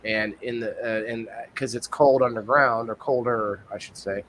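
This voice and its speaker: A man's voice: medium pitch, steady tone, moderate pace, a bit bright, a little hiss or hum. A man hosting a casual livestream podcast, explaining things in a rambling way and often correcting himself. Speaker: podcast host.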